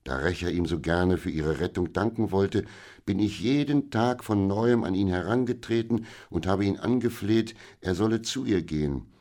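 A man reading an audiobook, voicing an excitable, agitated female housekeeper who pleads in a raised voice. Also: low-pitched, moderate pace, lightly acted. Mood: excited. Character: excitable female housekeeper companion, middle-aged.

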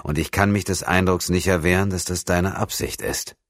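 A man voicing a polite, puzzled grown man who is being held captive, speaking in a courteous, measured way. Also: deep voice, steady tone, dry recording, studio quality.

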